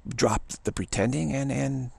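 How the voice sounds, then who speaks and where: Captured on an action camera, an older spiritual teacher delivers a wandering monologue full of hesitations, repeated words and frequent chuckles. His mid-range voice is creaky, husky and a little mellow, with no echo.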